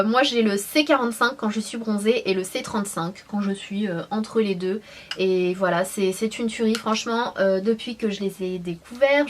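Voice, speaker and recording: A young woman reviewing makeup for her channel in a chatty, gushing way, with frequent fillers and restarts. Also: a little high. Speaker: beauty vlogger. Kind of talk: casual product review.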